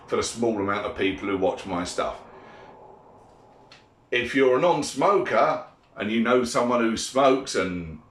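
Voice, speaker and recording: Grumpy British male vlogger, blunt and sweary old-man grumble, unhurried delivery, echoey room sound. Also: fairly low pitch, a bit bright. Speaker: vlogger giving opinions. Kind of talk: opinionated monologue rant.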